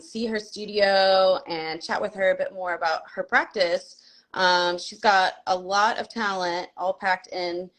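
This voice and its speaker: A young adult woman hosting a live video-call interview, friendly and hesitant, full of fillers. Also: mid-range voice. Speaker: host.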